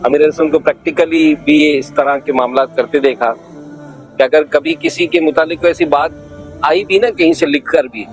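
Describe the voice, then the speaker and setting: A man's voice: on the high side, normal speed, soft background music, rough recording. A man, a guest on a religious talk show, telling anecdotes and acting out the dialogue.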